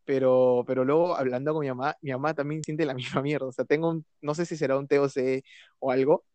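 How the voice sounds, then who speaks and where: A man's voice: medium pitch, steady tone, brisk, darkish tone, no echo. A young man in casual chat, laughing often, swearing freely and joking as he talks.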